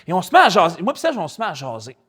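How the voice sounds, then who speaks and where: A man with a Québécois French accent, a pastor preaching a sermon in a lively, colloquial storytelling way. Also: high-pitched, racing, slightly rough. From Quebec. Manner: animated, colloquial and chatty, with spoken English slang.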